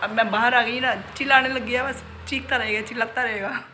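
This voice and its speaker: A woman's voice: on the high side, steady tone, fairly quick, bright, forceful tone, slight background noise, low-quality recording. A middle-aged woman chatting playfully to her viewers in a casual home vlog. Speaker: vlogger.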